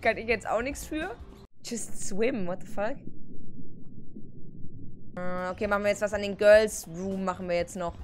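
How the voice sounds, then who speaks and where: A young woman streaming a game, commenting excitably and often breaking into shrieks and exclamations. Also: medium pitch, measured pace, pauses often, faint music behind.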